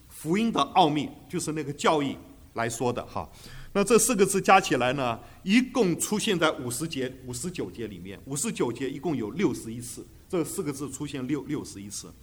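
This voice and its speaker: A man teaching a Bible class, emphatic, asking rhetorical questions and hesitating often with fillers, dropping English terms into his talk. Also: a little high. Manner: drops English terms into speech.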